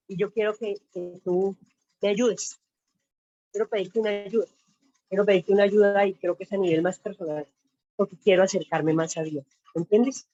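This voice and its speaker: Woman, excited emotional testimony, low dark voice, dry dull call sound. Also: no echo. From Colombia. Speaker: caller sharing testimony. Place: home office.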